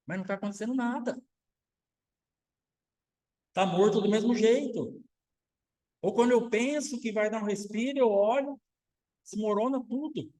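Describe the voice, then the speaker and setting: Man preaching, high-pitched voice, pastor, rhetorical questions. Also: a little mellow, low-quality recording. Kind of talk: sermon.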